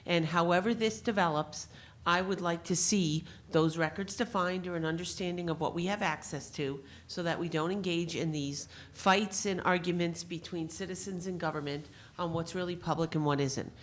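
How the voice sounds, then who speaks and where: A woman's voice: lowish voice, normal speed. A woman giving an insistent, pointed public comment at a city board meeting. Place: city council meeting room.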